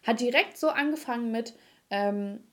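A woman hosting a podcast, telling a story in a lively, slangy way with frequent laughter. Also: a little high, moderate pace. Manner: animated, slangy, laughs often. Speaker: podcast host. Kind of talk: casual storytelling chat.

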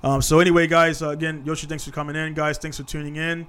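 Man in his thirties, podcast host, higher voice, smooth clear tone, laid-back casual chat. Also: little pitch movement, fast, a bit bright.

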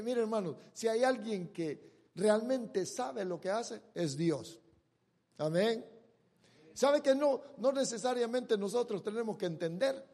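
Man, sermon, slow dramatic delivery, loud then quiet, wide lively pitch. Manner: dramatic, acts out the characters' lines; shifts between loud bursts and quiet, drawn-out words. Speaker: preacher. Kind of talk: sermon, retelling a Bible passage.

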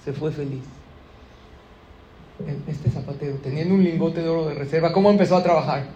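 Hombre, rabino con acento mexicano, voz más bien aguda; cuenta historias animado y le habla al público, leve ruido de fondo. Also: male voice, a little high, brisk, lo-fi sound, a little hiss or hum. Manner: lively storyteller, addresses audience directly. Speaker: rabbi. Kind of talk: sermon with a moral story.

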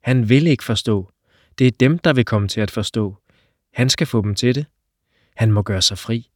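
A man narrating an audiobook with steady, measured storytelling. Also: fairly low pitch, no echo, clean studio sound.

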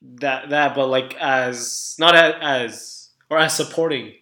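A man talks movies in a casual, excited way, often restarting his sentences. His voice is bright and ringing. The room around him is echoey. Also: medium pitch, slow.

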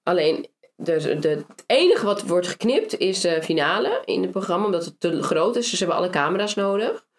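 A woman with a notably low-pitched voice talks casually as an interview guest. She is from the Netherlands and tells her story lively, leaning on fillers along the way. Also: fairly quick. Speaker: interview guest, former reality show finalist. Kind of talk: casual conversation.

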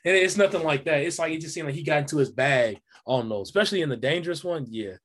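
The speaker is a young adult guest musician chatting on a video call in a casual interview, his talk rambling, loose and full of fillers. He sounds a little high and fairly bright, at a quick pace.

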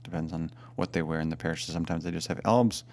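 A man's voice: sits low, steady tone, quick pace, a little mellow. A man who is a parish priest, chatting casually and amiably on a podcast. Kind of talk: casual chat.

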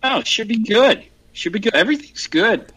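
A man's voice: sits high, expressive, bright, forceful tone, breathy edge. A man chatting casually as a podcast co-host, his voice sounding like a phone call over a poor connection, rambling and correcting himself as he goes. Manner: rambling, halting, self-correcting. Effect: sounds like a phone call over a weak internet connection. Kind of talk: casual chat.

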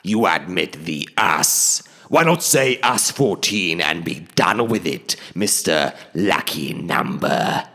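A man voicing an ancient, huge, boastful male dragon in an audiobook reading, slow and grandiose, swelling to sudden booming lines. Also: animated, vocal fry, pushed and bright, slightly rough, big-room sound, full character voice. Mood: mocking.

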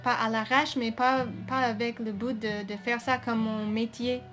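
American woman speaking slow, hesitant French. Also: on the high side, level tone, over music. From United States. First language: English. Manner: hesitant, searching for words, laughs often. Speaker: guest. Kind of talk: interview conversation.

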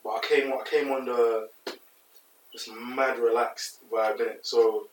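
A man's voice: medium pitch, fairly even intonation, a little slow, distant mic. Young London roadman in an echoey room. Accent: London roadman, multicultural London slang. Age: 20s. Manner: slangy, repeats words to hold the floor. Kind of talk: casual group banter. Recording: echoey room, off-mic, noisy.

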